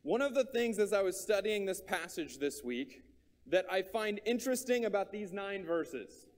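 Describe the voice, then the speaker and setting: A man's voice: high voice, lively intonation, normal speed, long reverb tail. A man preaching a sermon, earnest and repetitive, thinking aloud with small restarts.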